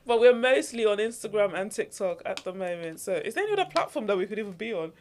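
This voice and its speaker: A woman's voice: medium pitch, expressive, fast talker, crowd noise. A woman co-hosting a podcast in casual chat. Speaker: podcast co-host.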